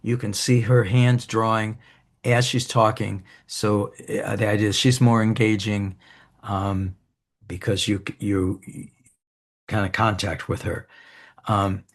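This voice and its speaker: A man delivers a conference keynote in a fairly low voice with a gravelly edge. He walks the audience through research findings in an easygoing way, often pausing on "um" and restarting his sentences. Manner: relaxed, with frequent ums and restarts. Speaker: keynote speaker. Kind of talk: academic keynote lecture. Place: conference hall.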